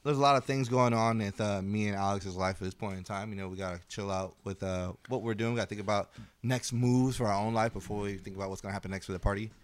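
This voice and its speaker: A man's voice: lowish voice, steady tone, fast, smooth. A man chatting casually on a podcast panel, joking in profane slang close to the microphone.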